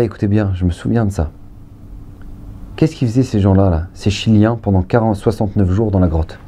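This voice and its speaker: A man, a rabbi, giving a Torah lesson as a storyteller who swings between low asides and high exclamations and repeats key phrases to his listeners. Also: dark tone. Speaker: rabbi teaching a Torah class.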